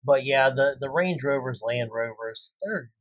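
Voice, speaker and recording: A man's voice: medium pitch, unhurried, dry recording, dull audio. A man co-hosting a casual podcast chat, rambling along with lots of fillers. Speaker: podcast co-host.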